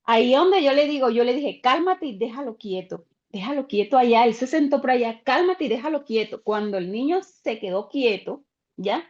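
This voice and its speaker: Animated woman telling a classroom story. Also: fairly high pitch, moderate pace. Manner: animated, acts out quoted voices. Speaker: teacher sharing an experience in a class. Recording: dull lo-fi call audio.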